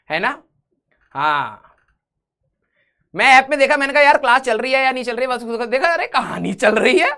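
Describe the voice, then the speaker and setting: Teaching physics in a live online class, a man with a very high-pitched, pushed and bright voice teases his students with jokes and banter. When he gets to reading out the questions, he switches to English.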